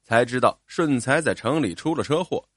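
A male storyteller reading a first-person family story in a scripted narration style. His pitch rises and falls a great deal as he reads, and the delivery is expressive and emotional. The recording is dry and close, with no room echo. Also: moderate pace.

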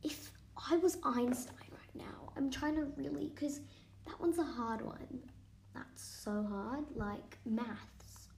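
A woman's voice: high-pitched, takes it slowly, vocal fry, darkish tone. A young woman student chatting casually in a vlog, thinking aloud as she quizzes herself and sometimes dropping into a whisper. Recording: echoey room.

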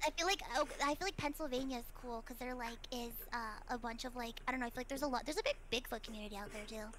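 A woman's voice: on the high side, fast talker, fairly bright tone, a little hiss or hum. A young woman guest who grew up in the American Midwest, chatting casually and rambling with lots of filler words. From Midwest United States. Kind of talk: casual chat.

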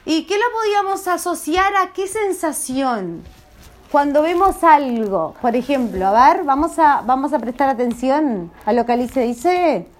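High-voiced playful teacher. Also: female voice, animated, a little slow. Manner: playful, theatrical, acts out sounds for children. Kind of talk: classroom voice exercise with children.

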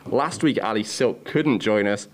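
A man's voice: on the low side, unhurried. A Welsh man hosting a podcast, steering the discussion with questions. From Wales. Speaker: podcast host.

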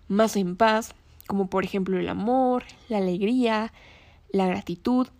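Woman, self-help host, gentle conversational, mid pitch, dry close recording. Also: no echo. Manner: gentle, conversational, asks listener questions. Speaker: podcast host. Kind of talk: reflective self-help talk.

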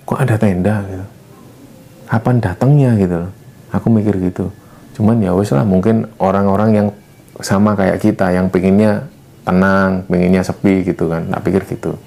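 A young man casually recounting a ghost story, lifting his voice to act out the dialogue. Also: gravelly. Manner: lively retelling, acting out dialogue with raised pitch.

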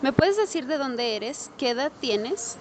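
High-voiced woman interviewer. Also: sing-song, slight background noise. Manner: polite, deliberate questioning. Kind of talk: interview questions.

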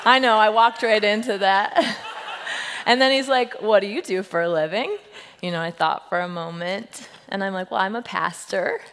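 A senior pastor, a woman, gives a humorous sermon to her congregation in a mid-range voice at a moderate pace, husky and slightly hoarse today. She tells playful stories, makes self-deprecating jokes, and slips into lively quoted voices, her words trailing into the long reverb of a large sanctuary.

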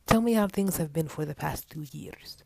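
A woman's voice: deep voice, normal speed, vocal fry, no room sound. A woman voicing a devoted man who speaks tenderly, half in a whisper. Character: devoted man seeking his lost love.

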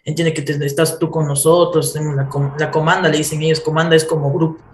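A guest with an Ecuadorian Spanish accent tells stories in a casual chat, laughing along the way. His voice is a little high with little pitch movement and comes quickly, while the recording has a roomy echo and a little hiss or hum.

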